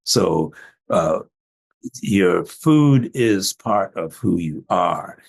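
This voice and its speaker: An older man with a low, gravelly voice speaks with a husky edge. He is a doctor telling stories in a casual podcast chat and laughs often as he goes. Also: lively intonation, very slow. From Jamaican family, trained in Atlanta. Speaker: physician guest. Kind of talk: casual interview talk.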